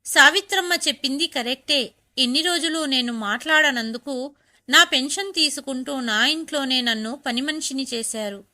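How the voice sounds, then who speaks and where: Woman reading as old mom, wronged, bitter, high bright voice. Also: normal speed. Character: elderly mother, long-suffering, finally defiant.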